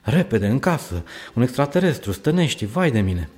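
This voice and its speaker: A man voicing a panicky old woman with a cane, shrieking in a high, loud voice. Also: sing-song, faint music behind, natural voice. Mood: panicked.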